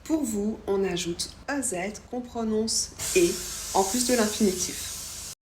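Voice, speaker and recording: A woman teaching a grammar lesson, explaining each point clearly and carefully. Her voice sits in a mid range and carries the echo of a roomy space. A faint hum runs behind her. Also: mid-range voice, slow, darkish tone. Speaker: French teacher and channel host. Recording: echoey room with faint background hum.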